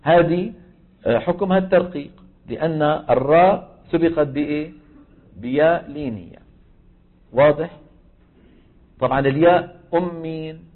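A man's voice: a little high, moderate pace, pauses often. A man teaching a recitation class, firing questions at his students and answering them himself. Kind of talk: classroom lesson. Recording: tinny phone-like line.

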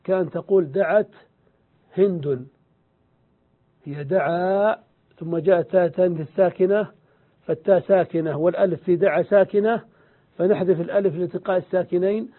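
Male grammar teacher, high-pitched voice, phone-quality audio, methodical lecture delivery. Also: fairly even intonation. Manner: slow, deliberate explaining, repeats examples, asks and answers his own questions. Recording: tinny phone-like sound.

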